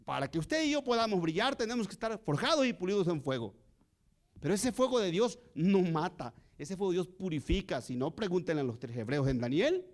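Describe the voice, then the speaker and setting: A man's voice: sits high, sing-song, a little fast. A man preaching a sermon to his congregation, telling a story and asking rising rhetorical questions. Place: church.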